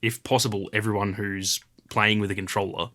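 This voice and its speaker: A man's voice: lowish voice, a little fast. A man co-hosting a gaming podcast, chatting casually in a rambling way full of fillers. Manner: rambling, filler-heavy, animated retelling. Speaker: podcast co-host. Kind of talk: casual chat.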